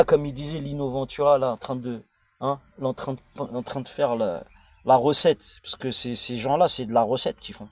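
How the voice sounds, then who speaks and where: A darkish, mid-range male voice, recorded with no echo. He's a vlogger from France with a French accent, an adult with a young child, rambling through an informal monologue that is blunt, crude, and slangy, often straying off track and repeating himself.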